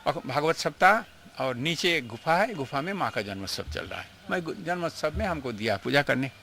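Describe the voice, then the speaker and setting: Older guy, swami telling old guru stories, earnest, kinda high bright voice. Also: expressive, brisk, a little hiss or hum. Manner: emotional, earnest storytelling, mixing in English phrases. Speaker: swami recalling his guru. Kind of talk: reminiscing interview.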